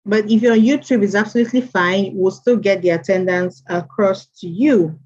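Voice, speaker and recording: Her voice is mid-range, darkish and slightly rough, delivered at normal speed. This woman hosts an online mentorship session, chattily greeting attendees by name and repeating welcomes, with the stream audio dull and lo-fi.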